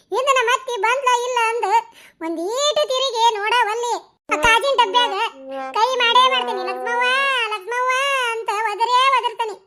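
A woman voicing a fussy, dramatic village woman in a cartoon, with a North Karnataka Kannada accent and an excitable, chattering delivery. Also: extremely high pitch. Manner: excitable, storytelling, scolding. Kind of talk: cartoon voice acting.

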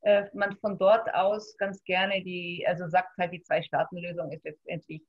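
A middle-aged woman with a husky voice takes part in a video-call discussion from a room at home. She speaks in a sceptical, matter-of-fact way and keeps restarting her sentences. The audio is dull and muffled. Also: on the low side, level tone, normal speed. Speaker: panel participant. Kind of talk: analytical panel conversation.

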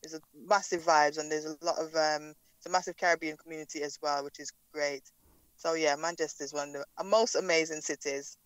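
Jamaican woman with a smooth, crisp voice. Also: low voice, fairly even intonation, a little fast, no room sound, rough recording. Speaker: podcast guest. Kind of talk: casual interview.

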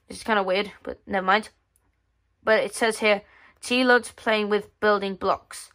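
This host of a magazine flip-through video is a woman with a mid-range, bright and forceful voice. Working at an indoor tabletop, she turns the pages one by one, reads bits out loud, and offers casual remarks in halting, reworded sentences.

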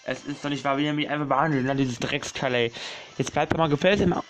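Excitable young man commentating gameplay. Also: on the high side, quick pace, soft background music. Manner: excitable, swears, pleads with the game, calls viewers "meine Freunde". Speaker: gaming channel host.

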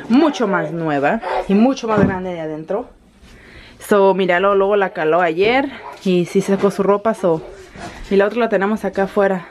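Chatty woman. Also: medium pitch. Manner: chatty, expressive, switches freely between Spanish and English. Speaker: vlogger. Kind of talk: casual home vlog. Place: home, kitchen and laundry area. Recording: noisy home recording.

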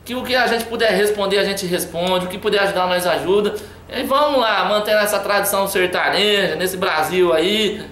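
High-voiced storyteller. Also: male voice, brisk, roomy sound, slight background noise. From Brazil. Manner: lively, chatty, laughing. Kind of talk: casual anecdote telling.

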